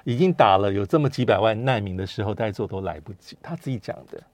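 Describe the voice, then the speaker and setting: A man with a Taiwanese Mandarin accent, a guest academic in a current affairs discussion, speaking in a measured, analytical way that often trails off quietly. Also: fairly low pitch, animated, no room sound.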